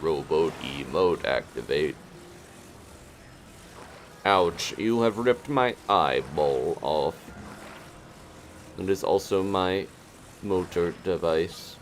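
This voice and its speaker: A stiff, literal robot rowboat, voiced by a man in a slow, flat monotone. The voice sits very low and drags out each word like a machine. He is plainly doing a voice over casual game chat. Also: slight background noise. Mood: deadpan. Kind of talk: joking gameplay commentary.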